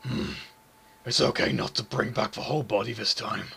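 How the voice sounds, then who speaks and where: A man doing a cold, deep demon voice. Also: normal speed, creaky, fairly bright tone, slight background noise. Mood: cold, muttering. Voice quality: low demon-like voice. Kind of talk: voicing a character in a game let's play.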